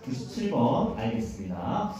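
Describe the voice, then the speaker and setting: A man's voice: mid-range voice, very animated, normal speed, mellow. A man hosting a live fan event, announcing prize draw numbers like an emcee and directing the audience. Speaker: fan meeting host. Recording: echoey venue PA, distant, music behind.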